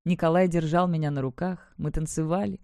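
An audiobook reader giving dramatic, expressive first-person narration of a fantasy novel. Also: mid-range voice, fairly quick, creaky, no room sound, studio quality.

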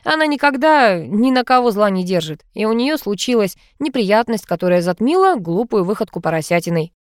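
A woman's voice: mid-range voice, sing-song, brisk, dry recording, clean studio sound, pitched above the performer's own voice, lightly acted. A woman voicing a brash, sarcastic young man who makes demands and mocks people, read as part of an audiobook. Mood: mocking.

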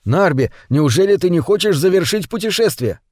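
A man's voice: on the high side, normal speed, a little mellow, dry recording, studio quality, lightly acted. A man voicing an earnest, urgent young officer.

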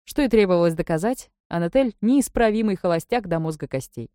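A woman narrating an audiobook in the first person, measured and wry. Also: on the low side, animated, dark tone, no echo, clean studio sound.

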